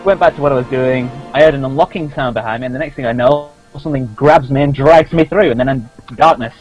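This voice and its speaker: A man's voice: mid-range voice, fast, a little mellow, faint music behind. A man telling his character's backstory in the first person during a tabletop game. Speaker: player. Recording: dull lo-fi recording.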